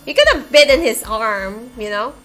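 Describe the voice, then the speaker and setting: A woman's voice: a little high, expressive, normal speed, fairly bright tone, faint music behind. A woman streamer reading a visual novel aloud, with chatty asides in between.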